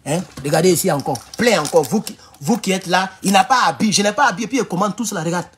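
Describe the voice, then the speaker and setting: A man with an Ivorian French accent, speaking loudly and mockingly in a rambling live stream from his home, talking straight into his phone with no external mic. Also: sits high, fast, slight background noise. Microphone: phone without external mic.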